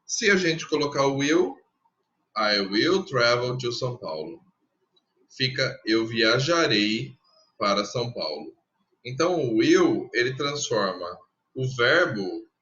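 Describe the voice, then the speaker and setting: A Brazilian man teaching a recorded lesson, his voice bright and forward. He explains patiently, step by step, repeating each example slowly. The sound is dull and somewhat lo-fi. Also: mid-range voice, animated. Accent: Brazilian Portuguese. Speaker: English teacher.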